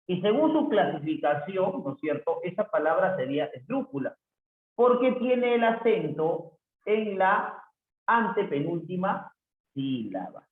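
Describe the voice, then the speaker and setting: A male teacher lectures an online class in a fairly high voice, checking in with his listeners again and again. He asks his students' questions himself, then answers them. The recording is echoey and narrow, like a phone line. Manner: repeats the tag "¿no es cierto?" often, voices imagined student questions himself. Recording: echoey room over a tinny phone-like line.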